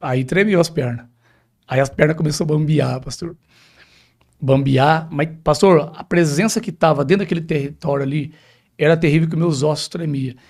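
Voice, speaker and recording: A man's voice: fairly high pitch, normal speed, a little mellow. A man, a pastor telling a personal testimony in a podcast interview, emphatic and often addressing the host directly.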